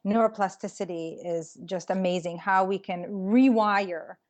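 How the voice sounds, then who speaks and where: A woman's voice: medium pitch, measured pace, a little mellow. A middle-aged woman from Israel, a career coach, talking reflectively in an interview with frequent ums and restarts. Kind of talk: casual interview talk.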